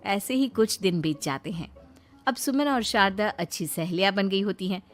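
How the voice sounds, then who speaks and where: Mid-pitched woman storyteller over music. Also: moderate pace. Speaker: narrator. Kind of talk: scripted children's story narration.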